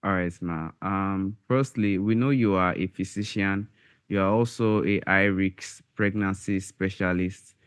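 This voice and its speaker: A man's voice: sits low, steady tone, unhurried, clean tone. A man hosting a podcast interview, asking long questions politely and calling his guest ma. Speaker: podcast host.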